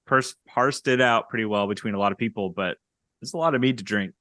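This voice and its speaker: A man talking casually in a relaxed conversation format. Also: on the low side, quick pace, no room sound, studio quality. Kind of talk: casual chat.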